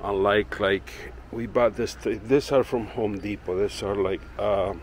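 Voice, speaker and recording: A relaxed, rambling walk-through: the woodworking channel owner carries the camera from his backyard garden into his workshop, speaking loosely with many fillers. His pitch is fairly low and his delivery unhurried. Slight background noise is present.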